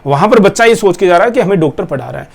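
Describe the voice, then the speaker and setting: Male coaching teacher, high-pitched voice, forceful rhetorical lecture to students. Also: lively intonation, very fast, vocal fry. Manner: forceful, rhetorical, addresses viewers directly. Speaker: nursing exam coaching teacher. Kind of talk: persuasive talk to students.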